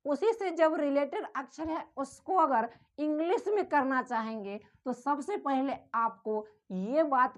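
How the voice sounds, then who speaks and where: Slow, high-voiced woman teaching. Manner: addresses viewer as "sir", repeats sounds many times. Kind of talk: slow classroom explanation, repeating drills.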